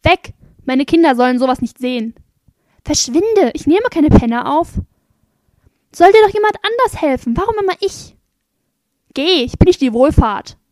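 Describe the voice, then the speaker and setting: A woman voicing hostile townsfolk who turn a beggar away, speaking loud, fast and indignant. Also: animated, no echo, studio quality. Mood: scolding. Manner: shrill, loud, quick and indignant.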